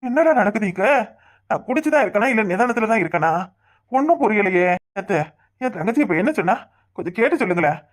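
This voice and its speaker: A woman's voice: mid-range voice, very animated, quick pace, long pauses. A woman voicing a drunken, angry village man in a cartoon, who blusters in a belligerent way. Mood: bewildered. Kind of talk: cartoon voice acting.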